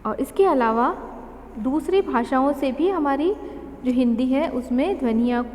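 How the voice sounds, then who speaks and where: Woman teacher going over grammar real slow, lots of examples, long echo on it. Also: high-pitched, darkish tone. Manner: slow, careful explaining with spoken examples and self-corrections. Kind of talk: classroom lesson explanation. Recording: long reverb.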